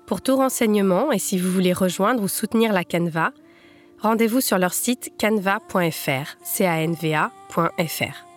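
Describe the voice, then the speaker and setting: A woman hosting a podcast, introducing an association and then reading poems aloud in a measured, expressive way. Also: medium pitch, soft background music. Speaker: podcast host.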